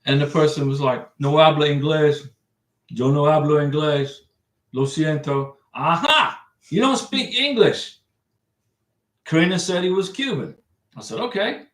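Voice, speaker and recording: A man from the United States, his voice on the high side, talks at a measured pace as he hosts a visa-advice livestream from home. He reads and answers viewer comments in a rambling, conversational way, and the sound is roomy.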